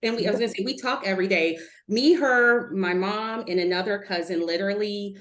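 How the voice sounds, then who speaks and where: Brief: middle-aged woman guest, candid and animated, acts out quotes, casual webinar chat. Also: medium pitch, brisk. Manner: lively storyteller, animated quoting of others, laughs easily. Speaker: guest speaker. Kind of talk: casual interview on a video call.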